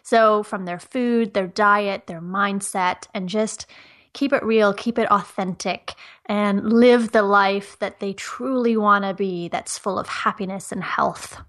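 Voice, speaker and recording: A woman's voice: medium pitch, fairly even intonation, takes it slowly, fairly bright tone. A woman from Ireland, a guest on a trivia podcast, chatting casually and laughing easily over a remote call. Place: home near Toronto.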